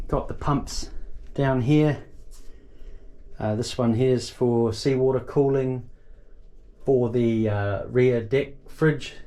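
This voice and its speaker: Man, mellow relaxed tone, mid pitch, casual unscripted tour guide, halting, thinking aloud. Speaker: boat owner giving a tour. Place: small boat engine room.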